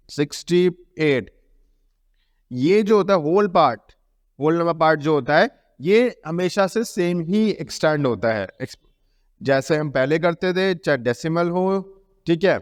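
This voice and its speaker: A male math teacher explaining a lesson, often asking a question and then answering it himself. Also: on the high side. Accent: Indian English. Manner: repeats key terms, asks and answers own questions; mixes English terms into Hindi explanation. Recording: long reverb.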